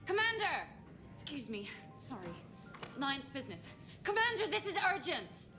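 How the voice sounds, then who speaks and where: An actress playing a young female military analyst who speaks in a hurried, urgent way. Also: high voice, very animated. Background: game music.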